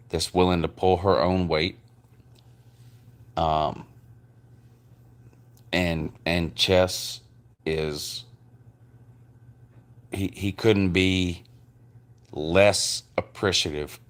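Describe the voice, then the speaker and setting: A man with a very low voice delivers a rambling personal monologue. He sounds drunk, with slurred words and a slow pace. His delivery is halting and repetitive, with drawn-out phrases. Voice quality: slurred speech. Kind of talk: rambling personal rant addressed to one person.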